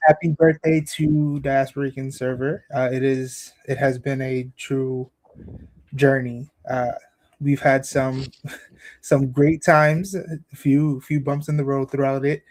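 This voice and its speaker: A man co-hosting a casual podcast chat, relaxed and agreeable, restarting his sentences as he goes. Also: medium pitch, takes it slowly, dry recording. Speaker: podcast co-host.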